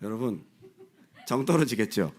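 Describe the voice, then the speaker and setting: A male pastor preaching a sermon, asking the congregation direct questions and swinging from loud exclamations to soft asides. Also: on the low side, sing-song, moderate pace, slightly rough.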